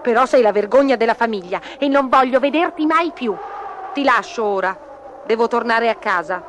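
Woman doing a brisk young she-cat. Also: fairly high pitch, expressive, fairly bright tone. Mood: cool. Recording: noisy background.

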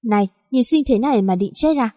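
A woman's voice: on the high side, expressive, a little fast, warm tone, no room sound, studio quality, close to an everyday voice. A woman voicing a blunt, teasing young man who acts as a rescuer. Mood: brusque. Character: rude but caring young male rescuer.

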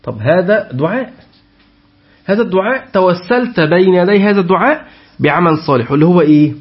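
Male teacher, tafsir lesson, quizzes students, higher voice, dull recording. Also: expressive, brisk. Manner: asks the class questions and repeats their answers. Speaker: Quran teacher.

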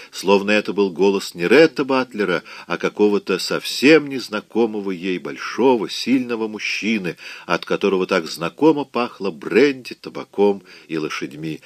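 A male audiobook narrator reading a novel in a measured, even storytelling manner. His voice sits low, recorded dry and close with no room around it. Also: dry recording. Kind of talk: scripted narration.

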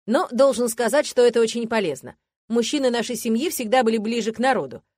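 A woman reading the part of a young male prince who answers in a calm, dry, joking way. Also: a little high, fast talker, no room sound, lightly acted. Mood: teasing. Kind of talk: audiobook character reading.

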